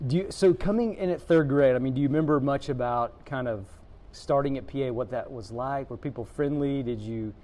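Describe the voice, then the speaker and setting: A school podcast host chats casually with his guest in a mid-range, darkish voice, talking a little fast. Friendly throughout, he keeps calling the guest "man" in this easygoing interview.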